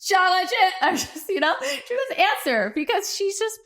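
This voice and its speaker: A woman hosting a mukbang, telling a story in an animated way, swearing and acting out what people said. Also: very high-pitched, moderate pace. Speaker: mukbang host. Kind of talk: casual storytelling over a meal.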